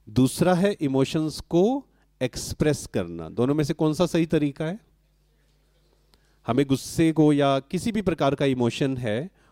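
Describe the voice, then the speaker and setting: Man, speaker before a live audience, mellow voice, dry close mic. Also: mid-range voice, no room sound. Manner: asks the audience questions and answers them himself. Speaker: spiritual speaker addressing an audience. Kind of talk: interactive talk to a live audience.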